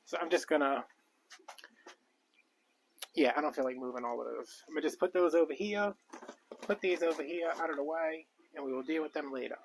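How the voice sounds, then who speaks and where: A man's voice: fairly high pitch, a little fast, long pauses, slight background noise. A man chatting casually and rambling with lots of fillers while crafting on a live stream. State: out of breath. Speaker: crafting vlogger.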